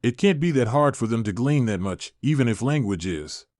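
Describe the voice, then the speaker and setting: A man narrating a first-person science fiction story in a steady, plain way. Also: mid-range voice, moderate pace, no room sound, studio quality.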